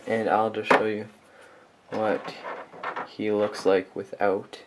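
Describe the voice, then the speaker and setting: A man with a lowish voice and flat delivery reviews a toy set on camera, speaking slowly over heavy background noise. The review is casual and unscripted, rambling and enthusiastic, full of ums and likes.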